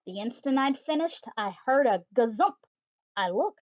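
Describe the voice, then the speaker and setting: A woman teacher reading a rhyming children's picture book aloud in a rhythmic, expressive way. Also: on the high side, normal speed. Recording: slightly dull lo-fi audio.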